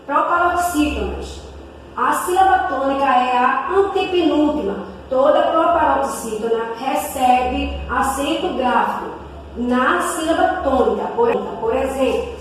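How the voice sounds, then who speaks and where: A Brazilian woman teaching a recorded primary school lesson, slowly spelling out syllables and examples. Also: high-pitched, slight background noise. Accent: Brazilian Portuguese. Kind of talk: recorded remote class lesson. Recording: echoey room, mic far off.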